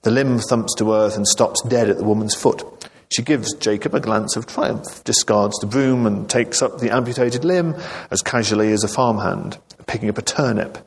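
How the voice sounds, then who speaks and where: Husky-voiced man reading aloud in a hall. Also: lowish voice. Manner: measured, clear storytelling with dry asides. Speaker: author reading his novel aloud. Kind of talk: live literary reading. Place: hall with a live audience. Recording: long reverb of a large hall.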